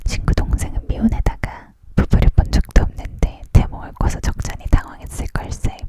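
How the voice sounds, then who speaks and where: A reader voicing a measured, courteous male store owner in a whispered role-play of a storybook, with old-fashioned formal phrasing. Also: close to an everyday voice. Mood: recollecting.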